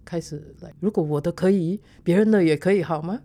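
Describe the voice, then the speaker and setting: Woman, lowish pitch, soft-edged mellow tone, casual interview guest, plain-spoken, code-switching into English. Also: brisk. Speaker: interview guest, handmade soap social entrepreneur.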